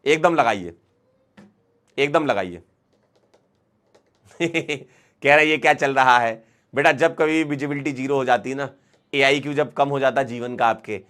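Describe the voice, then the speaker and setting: A man teaching a chemistry class, working through exam questions in a lively, playful way and coaxing students along. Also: mid-range voice. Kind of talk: online class lecture.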